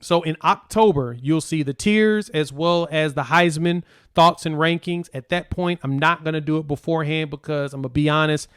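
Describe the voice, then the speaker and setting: A man's voice: fairly high pitch, steady tone, normal speed, hardly any pauses, a bit bright, smooth, no echo, clean studio sound. A young man hosting a casual solo sports talk podcast, chatty and rambling with a sing-song delivery. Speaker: podcast host.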